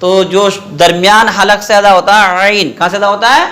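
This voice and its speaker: Guy teaching quran recitation, high bright voice, keeps quizzing the class and stretching the sounds out, echoey room. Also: fairly even intonation. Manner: asks questions and repeats answers, draws out sounds slowly to demonstrate. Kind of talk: classroom tajweed lesson with call-and-response.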